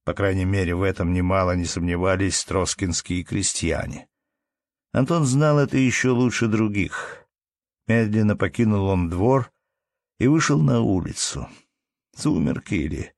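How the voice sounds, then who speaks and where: A man narrating a classic story as an audiobook in a slow, measured way. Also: deep voice, creaky, no room sound, studio quality.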